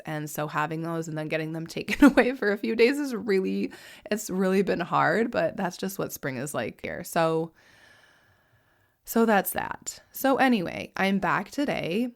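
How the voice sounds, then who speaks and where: A woman in her thirties hosting a podcast, talking gently and unhurried, slightly hoarse after a cold. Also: fairly low pitch. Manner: soft, unhurried, reassuring. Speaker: podcast host and mentor.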